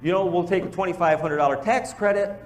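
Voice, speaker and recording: Speaking fast in a high-pitched voice, a man presents a motivational business talk to a live audience, animatedly telling stories and performing the dialogue within them. The audio is reverberant.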